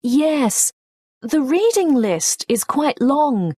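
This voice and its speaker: A woman's voice: sits high, big pitch swings, drawn-out words, darkish tone, dry recording, studio quality, exaggerated voice. A woman playing a keen university student in a scripted dialogue, politely asking for advice. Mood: keen, inquiring. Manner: polite, inquiring.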